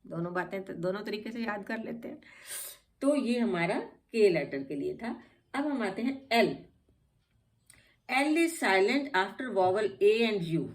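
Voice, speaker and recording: Slow, patient woman teaching spelling. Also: medium pitch, lively intonation. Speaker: English teacher. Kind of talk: spelling lesson explained in Hindi.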